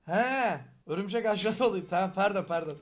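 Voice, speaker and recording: Fast-talking young man with a regional Turkish accent. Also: sits high, lively intonation, faint music behind. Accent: Turkish regional dialect. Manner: fast-talking, joking, swears often. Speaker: gaming video host. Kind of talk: casual reaction commentary.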